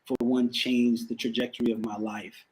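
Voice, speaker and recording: A man's voice: mid-range voice, level tone, moderate pace, poor audio. A man in his fifties with a New York accent, a hip hop artist telling his story as an interview guest, reflective and a little emotional, repeating words often. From the Bronx, New York. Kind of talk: casual interview conversation.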